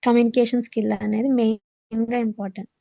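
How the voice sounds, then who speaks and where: This is a fast-talking woman with a Telugu accent, her voice on the high side, level in tone and creaky, captured on dull-sounding audio. Teaching in lecture fashion, she moves between Telugu and English, dropping in English terms and reading from notes.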